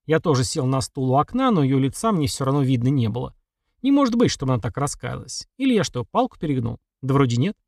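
A young man narrating an audiobook in the first person, lively and indignant. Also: medium pitch, fast, vocal fry, dry recording, clean studio sound. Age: young adult. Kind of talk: audiobook reading.

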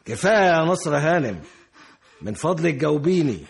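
An actor playing a firm police officer questioning a family, with an Egyptian accent, in a radio drama. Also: male voice, on the high side, sing-song, a little fast, vocal fry, slight background noise. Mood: stern. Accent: Egyptian Arabic. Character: police officer, stern and shocked interrogator.

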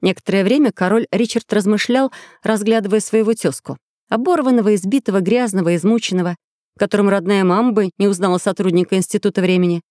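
A woman narrating a children's adventure story aloud, lively and expressive, recorded close and dry. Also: mid-range voice, quick pace, no echo. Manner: lively, voices every character. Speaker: audiobook reader.

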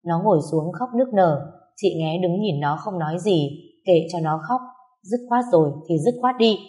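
Low, mellow woman storyteller. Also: lively intonation, moderate pace. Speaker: narrator. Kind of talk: scripted story narration.

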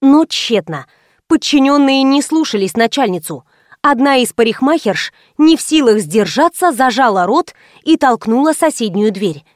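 A woman narrating a first-person audiobook in a wry, lively storytelling manner. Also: high-pitched, normal speed, dry recording, clean studio sound.

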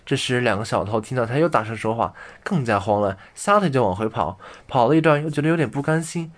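A man narrating a fairy tale audiobook in a measured storytelling manner. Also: mid-range voice, expressive. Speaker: audiobook reader.

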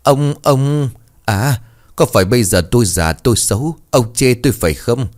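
A man's voice: low-pitched, expressive, a little fast, darkish tone. A man voicing a domineering middle-aged wife who scolds and wails at her husband. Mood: wailing. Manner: wailing, scolding.

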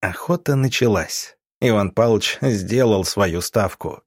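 A man narrating an audiobook as expressive scripted storytelling. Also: lowish voice, measured pace, slightly rough, no echo, studio quality.

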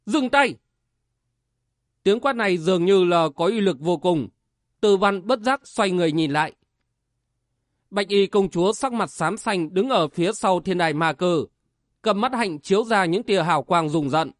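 A man's voice: sits high, moderate pace, no echo, clean studio sound. A man narrating a martial-arts novel as an audiobook with vivid, dramatic storytelling.

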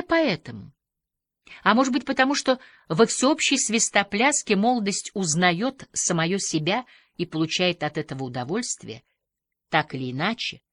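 Low-voiced woman reading a novel. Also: no echo. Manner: measured, reflective reading. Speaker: audiobook reader. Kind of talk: literary audiobook narration.

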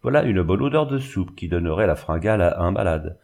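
A man's voice: low voice, animated, fairly quick, creaky, darkish tone, exaggerated voice. A man voicing a jovial, gossiping old male peddler with a folksy way of talking, in a storybook reading. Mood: chatty.

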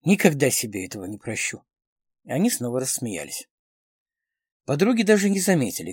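A man's voice: a little high, no room sound, studio quality. A man narrating a novel as an audiobook, reading expressively. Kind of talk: scripted narration of a crime novel.

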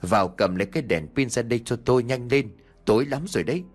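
A man's voice: mid-range voice, animated, fast talker, faint music behind. A man voicing a scheming, cruel elderly wife who bosses and scolds her husband in a ghost story. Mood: scolding. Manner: bossy, scolding.

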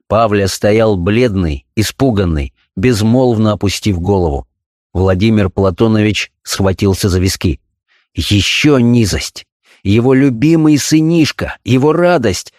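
A man narrating a story aloud with an expressive, dramatic reading. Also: lowish voice, no echo, studio quality.

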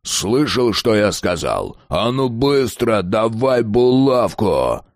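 A man doing a gruff thuggish ex-convict. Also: lowish voice, big pitch swings, slow pace, no room sound, clean studio sound, heavily acted. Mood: menacing. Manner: gruff, growling. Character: rough thuggish male ex-convict, crude and brutal.

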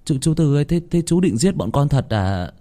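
Cheeky, jumpy teenage boys in a spoken ghost story, all voiced by a male narrator. Their voices sit higher than his own and bounce around as they stammer. They sound young and eager. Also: big pitch swings, a little fast, warm tone. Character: three excitable teenage boys, cheeky and nervous.

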